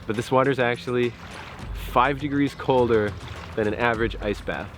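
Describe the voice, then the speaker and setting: A man's voice: mid-range voice, moderate pace, fairly bright tone, faint music behind. A man hosting an outdoor cold water challenge vlog in casual, chatty speech.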